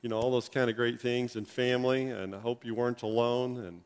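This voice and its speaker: A middle-aged male pastor telling a funny personal story in an animated, anecdotal way, chuckling as he goes. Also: medium pitch, fairly quick, clean tone. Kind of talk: storytelling sermon. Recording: long reverb in a hall.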